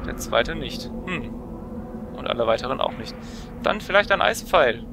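A man's voice: mid-range voice, lively intonation, moderate pace. A young man giving casual gameplay commentary as a let's player, musing and thinking aloud as he goes. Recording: clear background noise from game.

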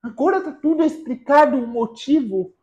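A shocked, emotional young father, read by a woman in a soap recap. He exclaims in disbelief, loud and higher-pitched, with a dark, mellow tone. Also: expressive, moderate pace, highs cut off.

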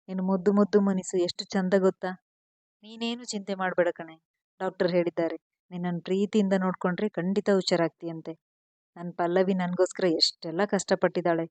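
A woman reading the lines of a young husband who is fiercely devoted and quick to anger, speaking bluntly in a storybook tale. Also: fairly low pitch, darkish tone, dry recording, close to an everyday voice.

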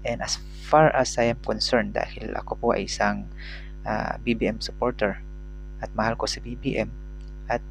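A man's voice: on the low side, creaky, poor audio. A young man from the Philippines vlogging casually about politics from a small room, talking with a sore mouth after a tooth extraction and full of fillers. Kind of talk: casual political vlog commentary. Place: small room at home, plain wall. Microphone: lapel mic on a stand at the chin.

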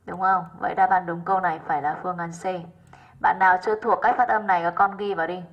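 A woman's voice: lowish voice, steady tone, fast talker, highs cut off. A woman English teacher going over exercise answers with her pupils, often checking in with rhetorical questions.

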